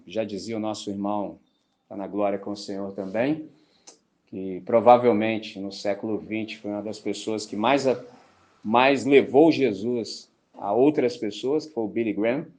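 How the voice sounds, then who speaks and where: A pastor with a Brazilian Portuguese accent and a lowish voice preaches a sermon in colloquial language. Telling stories animatedly, he mimics voices and frequently asks "entendeu?".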